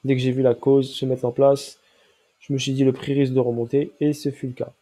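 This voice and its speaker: A man talks through a trading chart in a very dark, mellow voice made nasal by a cold. His nose is clearly stuffed up. He explains step by step, middle-pitched, and keeps checking that listeners are with him. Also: flat delivery, a little fast. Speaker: crypto trading analyst. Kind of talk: chart analysis walkthrough.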